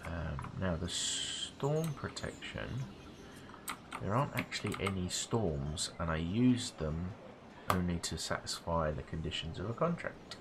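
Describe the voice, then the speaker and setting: A man's voice: sits low, animated, a little slow, background noise. A middle-aged man streaming a game, rambling wryly between asides and swearing casually. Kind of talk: casual gameplay commentary.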